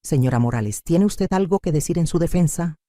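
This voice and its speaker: Male judge, formal, questioning, older woman narrator, mellow. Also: sits low, expressive, a little fast, no echo, studio quality.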